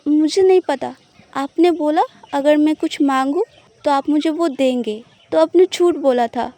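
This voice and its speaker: A woman's voice: high-pitched, unhurried, warm tone. A woman voicing a reluctant, irritable young wife who sulks and pleads. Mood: sulky. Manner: pleading, sulky.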